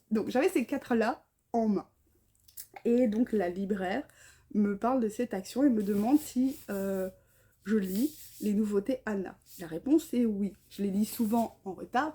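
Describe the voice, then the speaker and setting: A woman's voice: mid-range voice, a little slow, mellow, breathy edge. A woman chatting casually about books, reading blurbs aloud and tripping over names. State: tired. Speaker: book vlogger. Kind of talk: casual chat.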